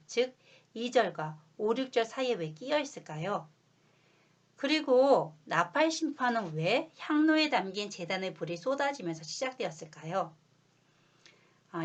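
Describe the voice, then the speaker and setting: A woman preaching a practice sermon, asking her listeners questions and building tension before dropping to a quiet hush. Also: medium pitch. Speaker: preacher in training.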